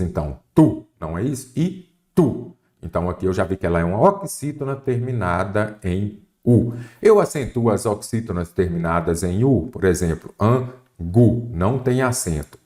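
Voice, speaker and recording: A man with a Brazilian Portuguese accent teaching an exam-prep grammar lesson, explaining rules step by step and throwing quick questions at his students. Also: on the low side, darkish tone.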